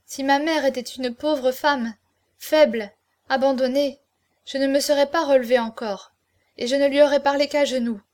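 A woman's voice: high voice, fairly even intonation, normal speed, natural voice. A woman reading aloud, voicing an anguished, proud young woman with an intense manner in an audiobook. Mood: haughty. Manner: intense, pleading then haughty.

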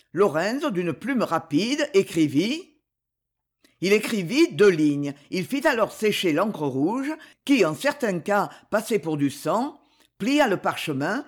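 Expressive high-voiced male narrator. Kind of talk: audiobook narration.

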